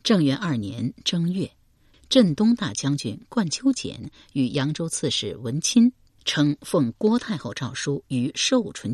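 A woman narrating a historical mystery novel with expressive storytelling. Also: deep voice, husky, dry recording, studio quality. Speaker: audiobook narrator. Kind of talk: scripted narration.

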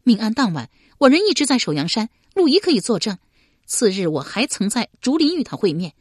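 A woman voicing a proud, quick-tempered young swordswoman who snaps back sharply in an audiobook. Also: fairly high pitch, very animated, slightly rough, dry recording, studio quality, voice pushed up. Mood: indignant. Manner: sharp, indignant retorts.

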